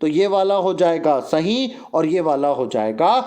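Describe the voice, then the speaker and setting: A man with an Indian accent teaches English grammar, his voice sitting high for a man. He talks at an unhurried pace, repeats his own questions to the class and answers them, and draws out each English example sentence word by word. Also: animated, warm tone. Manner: reads English example sentences slowly and deliberately.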